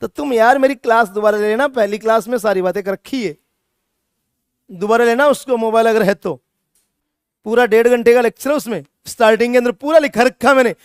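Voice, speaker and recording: A man's voice: very high voice, clear, resonant tone, dry recording, clean studio sound. A male chemistry teacher lecturing a classroom, scolding students and repeating his points with emphasis.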